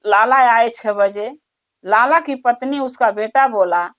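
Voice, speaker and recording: A woman's voice: a little high, measured pace, fairly bright tone, dry recording. Woman telling a devotional story. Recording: dull muffled recording.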